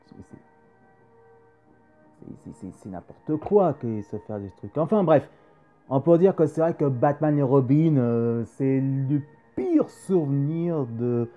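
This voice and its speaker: Rambling man with lively pitch, lo-fi. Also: takes it slowly. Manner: rambling, many fillers and repeated phrases. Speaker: YouTube host. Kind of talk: casual chat about comics and films. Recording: dull lo-fi sound with faint music.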